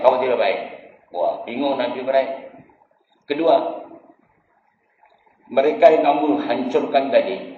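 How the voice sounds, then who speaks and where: A man preaching a dawn lecture, telling stories sudden swings between hushed asides and loud exclamations. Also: medium pitch, slight background noise. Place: prayer hall. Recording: echoey dull-sounding hall recording.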